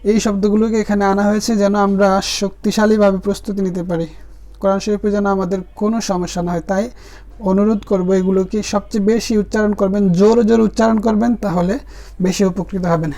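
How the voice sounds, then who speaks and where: A man teaching Quran reading, spelling out each letter and vowel mark and then drawing the words out slowly and patiently. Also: high-pitched, flat delivery, mellow. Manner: patient, addresses the viewer directly. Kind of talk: step-by-step spelling lesson.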